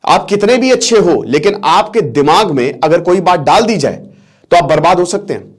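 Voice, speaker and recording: High-voiced male teacher retelling an epic. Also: animated, moderate pace. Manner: explains as he goes, mixes in English words, checks if students follow. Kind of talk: storytelling lesson.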